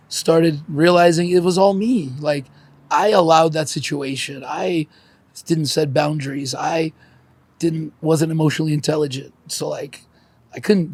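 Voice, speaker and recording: A man's voice: on the high side, darkish tone, slightly rough. A man in his forties, a podcast guest, talking candidly and emotionally with lots of swearing, close to tears. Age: 40s. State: teary.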